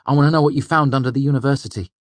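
A man reading an audiobook, voicing a quick, mischievous young male companion who speaks urgently. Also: a little high, big pitch swings, no room sound, pitched above the performer's own voice. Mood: eager. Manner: quick, urgent, hissing when secretive.

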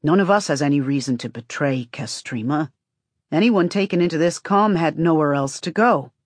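A woman's voice: low-pitched, moderate pace, husky, no room sound, studio quality. A woman voicing a skeptical, reasoning man in audiobook dialogue, earnest and disbelieving.

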